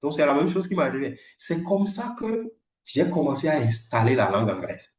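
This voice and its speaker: Animated French-speaking man teaching, echoey. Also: on the high side, fairly quick. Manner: animated, emphatic, repeats "là". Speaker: English teacher. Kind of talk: lively storytelling lesson.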